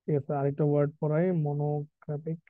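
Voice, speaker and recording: High-voiced male teacher on a tinny line. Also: fairly even intonation, no echo. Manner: asks students questions, reads definitions slowly. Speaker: English vocabulary teacher. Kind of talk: live class lecture mixing Bengali and English.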